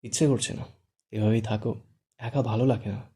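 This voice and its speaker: A man's voice: on the low side, steady tone, moderate pace, mellow, breathy edge. A man doing a cocky, teasing young man. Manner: cool, teasing and playful.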